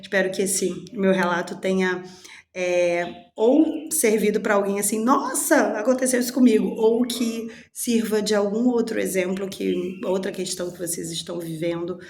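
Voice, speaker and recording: A candid woman talks to her viewers about her own feelings, chatting openly and voicing both sides of her inner arguments. Her voice sits at a middle pitch and rings out in a noticeably echoey room. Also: level tone, moderate pace, a little mellow. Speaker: channel host. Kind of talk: personal reflection vlog.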